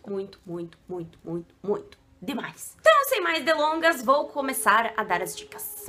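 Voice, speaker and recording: Woman, high voice, bright tone, chatty online teacher, digressive. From Brazil. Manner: chatty and digressive, with frequent asides. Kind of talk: casual video lesson.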